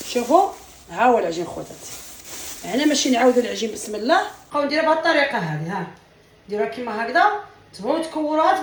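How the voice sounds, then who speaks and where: Woman, cooking vlogger, rapid chatty delivery, echoey kitchen, mic set back. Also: sits high, a little hiss or hum. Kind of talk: cooking demonstration vlog. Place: home kitchen. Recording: echoey room, mic at a distance.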